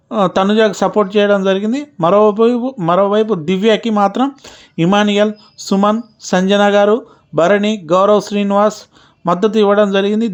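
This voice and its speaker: High, smooth-voiced man recapping a show. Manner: steady storytelling, retells quarrels in reported form. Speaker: YouTube channel host. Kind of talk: narrated reality-show recap.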